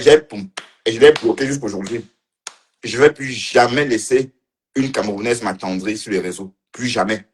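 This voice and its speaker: A man giving casual livestream commentary, teasing and mocking as he talks, laughing often and repeating phrases. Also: lowish voice. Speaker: online commentator.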